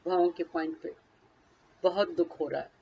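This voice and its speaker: A woman's voice: fairly low pitch, fairly even intonation, moderate pace, vocal fry, warm tone, breathy edge, lo-fi sound. A woman leading a guided tapping session, naming each body point and then speaking a short first-person phrase for the listener to repeat.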